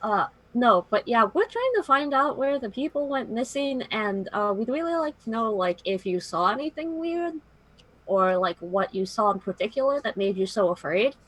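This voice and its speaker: A woman with a fairly high voice playing a tabletop game. Her talk is casual and breezy, moving loosely between role-play and table chat. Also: animated, normal speed, fairly bright tone, poor audio.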